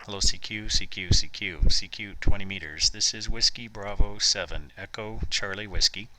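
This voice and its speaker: A man calling CQ on ham radio, repeating his call sign in the phonetic alphabet in a steady rhythm. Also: on the low side, moderate pace, very noisy.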